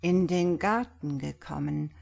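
A gentle little priest murmurs his answers with calm patience, read by a woman. The voice sits low and soft, never rising to argue. It has the unhurried musing tone of a storybook sleuth. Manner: quiet, mild, musing. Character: calm, thoughtful small old male priest.

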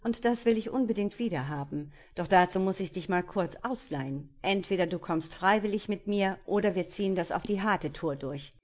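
A woman doing a loud, swaggering pirate rogue. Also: on the low side, normal speed, hardly any pauses, close to an everyday voice. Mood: taunting. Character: brash arrogant male pirate rogue.

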